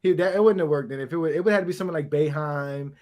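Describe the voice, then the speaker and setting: Fast-talking man hosting a sports debate. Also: on the high side, darkish tone. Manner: talks fast, laughs often. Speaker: sports talk show host.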